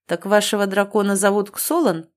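A woman voicing a stern, cruel male island guard who talks with rough scorn, in a read-aloud fantasy story. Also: medium pitch, moderate pace, close to an everyday voice. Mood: mocking.

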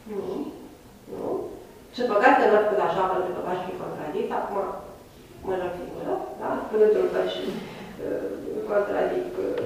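A woman's voice: medium pitch, slight background noise. A woman giving a classroom lecture, often checking in with a questioning "da?" after each point. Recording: echoey room from far off.

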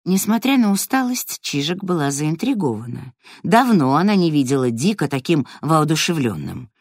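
A woman reading a children's story aloud in a calm, measured way. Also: lowish voice, no echo, studio quality. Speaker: narrator. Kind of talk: scripted audiobook narration.

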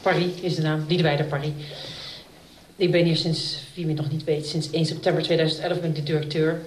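A woman's voice: sits low, level tone, brisk. Woman welcoming guests in an echoey room. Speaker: publishing director giving a welcome speech. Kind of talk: informal welcome speech. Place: crowded room at a book launch. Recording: echoey room, distant mic, background noise.

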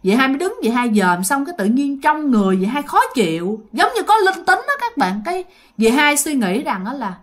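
A woman's voice: high voice, sing-song, fairly quick. Chatty Southern Vietnamese woman storyteller. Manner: chatty, addresses listeners directly. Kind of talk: casual ghost story telling.

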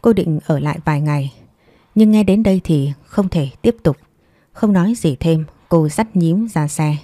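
Low-voiced woman reading a story. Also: normal speed, dark tone, dry recording, clean studio sound. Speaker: audiobook narrator. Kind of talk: scripted story narration.

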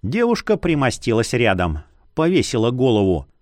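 A man narrates a fantasy audiobook expressively, in a medium-pitched voice at normal speed. The recording is dry and studio quality.

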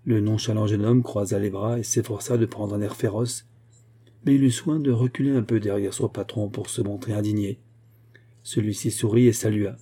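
A man reading a novel aloud as a narrator, in a steady, measured way. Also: fairly low pitch, husky. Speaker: audiobook narrator. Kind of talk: scripted literary narration.

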